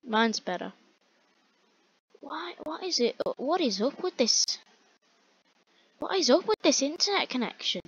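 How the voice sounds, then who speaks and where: A young woman giving rambling, exasperated commentary on a slow-loading online game while chatting with a friend. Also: sits high, very animated. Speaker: gamer. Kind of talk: casual gameplay commentary. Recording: dull lo-fi dry recording.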